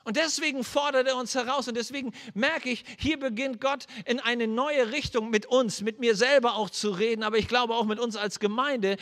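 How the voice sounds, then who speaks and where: A male pastor preaching a sermon, earnestly asking his listeners direct questions and turning soft and low as he leads into prayer. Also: fairly even intonation, normal speed, few pauses. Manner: drops to a soft, low voice when leading into prayer. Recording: long hall reverb.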